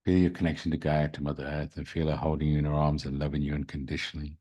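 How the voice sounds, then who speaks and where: A man speaking as a spiritual host, leading a guided meditation in a gentle, soothing, unhurried manner. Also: very deep voice, flat delivery. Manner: slow, soothing, gentle delivery. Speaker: podcast host and spiritual reader.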